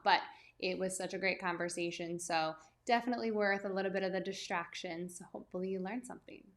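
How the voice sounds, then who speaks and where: A woman's voice: lowish voice, a bit bright. A woman hosting a podcast, chatting in a friendly, rambling way while recording outside in her backyard. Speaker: podcast host, running coach. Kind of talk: casual podcast intro and interview. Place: outdoors in a backyard.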